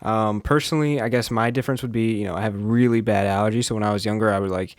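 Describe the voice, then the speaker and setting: A man's voice: on the low side, quick pace, no room sound, studio quality. A young man hosting a reaction video, chatting casually and sympathetically with plenty of ums. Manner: relaxed and sympathetic, with many ums and asides.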